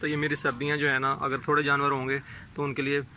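A man's voice: medium pitch, monotone, fast talker, sharp tone. Man explaining hay-making on a rooftop. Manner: practical, explains step by step with many "jo hai na" fillers. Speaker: rooftop goat farming vlogger. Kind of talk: casual explanatory vlog. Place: outdoors on a rooftop, beside drying hay. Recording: outdoor recording with clear background noise.

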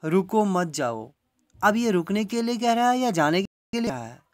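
With a high voice and big swings in pitch, this male teacher runs a grammar lesson for students preparing for exams. English phrases pop up in his talk, he keeps asking "right?", and he reads example sentences out very slowly.

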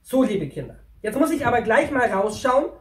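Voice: mid-range voice, sing-song, moderate pace, lightly acted. Friendly male pack donkey, played by a performer as a kids' storyteller; chatty, talks straight to the children; roomy, distant recording. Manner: chatty, addresses the children directly. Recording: roomy, from away from the mic.

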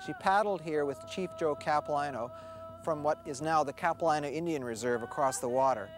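A man presenting a documentary in a measured, informative way, with soft music beneath. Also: fairly high pitch. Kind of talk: scripted documentary narration.

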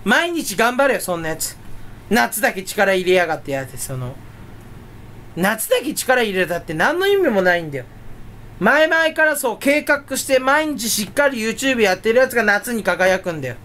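A man's voice: high-pitched, sing-song, moderate pace, pushed and bright. A man chatting alone to camera as a YouTuber, rambling and self-mocking as he jumps between topics. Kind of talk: casual solo chat.

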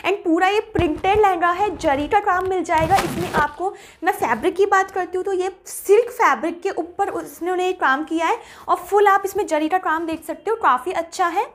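A woman's voice: extremely high pitch, moderate pace, few pauses. A young woman vlogger casually reviewing clothes, chatty and upbeat, mixing English words into her Hindi. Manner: chatty, mixes English words into Hindi, enthusiastic about prices. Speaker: fashion haul vlogger.

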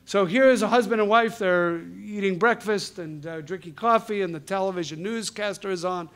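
A middle-aged man from New York delivers a university lecture in a fairly high voice. He tells stories with humor and acts out other people's lines. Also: moderate pace, a bit bright, smooth. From New York, USA. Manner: storytelling, acting out dialogue with humor. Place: lecture hall.

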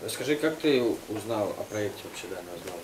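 A man's voice: lowish voice, lively intonation, fairly quick. A man interviewing guests in a prompting way, following up on their answers. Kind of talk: casual interview questions. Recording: distant mic with background noise.

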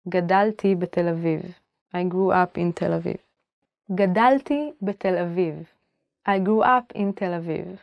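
A young woman teaching a language lesson to camera, repeating each phrase slowly and clearly before explaining it. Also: on the low side, darkish tone, no echo, dull audio. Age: 20s. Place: indoor studio, plain backdrop.

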